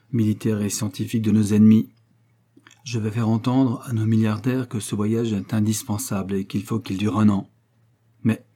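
A man's voice: fairly low pitch, dark tone, lightly acted. A man reading the part of a domineering old inventor who scolds his son in an audiobook. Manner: commanding, heated. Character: domineering old male inventor, quick-tempered father.

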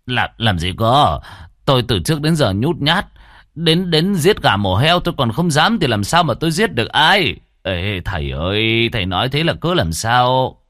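A timid old villager from a spoken fantasy tale, stammering in a high, strained, thin voice. He pleads slowly and shakily. The room is dry and close. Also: sing-song, a bit bright, dry recording. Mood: frightened stammering. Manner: stammering, trembling pleas. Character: timid old village man, terrified and grieving.

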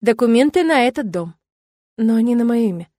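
Brief: a woman narrator voicing a devoted, eager husband, emphatic and warm, dry close recording. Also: on the high side, lively intonation, normal speed, no echo. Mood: earnest. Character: loving, excited husband recovering from injury. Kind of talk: audiobook character reading.

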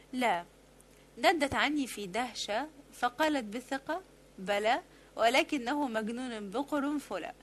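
A woman reading a literary novel aloud as an audiobook, in a measured, steady way. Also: fairly high pitch. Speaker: audiobook reader.

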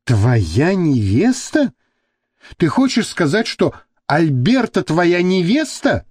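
Guy doing a coquettish young model lady, high and swooping, slow. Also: sing-song, a little mellow, dry recording, studio quality, exaggerated voice. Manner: chirping, coquettish.

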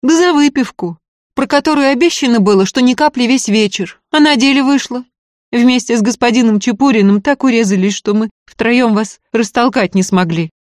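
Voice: medium pitch, moderate pace, no echo, clean studio sound, voice pushed up, close to an everyday voice. A reader voicing Varya, a proud, tearful young woman of peasant birth who talks in plain folksy speech, in an audiobook. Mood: teasing, weary. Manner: folksy, plain-spoken, pleading then scolding. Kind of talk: audiobook character voice.

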